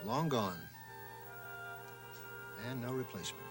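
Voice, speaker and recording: A man playing a proud, wistful middle-aged divorced father in a television drama, speaking in an earnest, coaxing and halting way. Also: mid-range voice, expressive, over loud music. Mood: measured, rueful.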